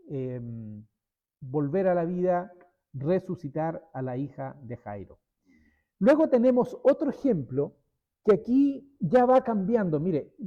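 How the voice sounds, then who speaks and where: Man teaching a Bible study, lo-fi. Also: high-pitched. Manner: reads scripture then explains it, asks listeners "¿ya?" and "¿cierto?". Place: church.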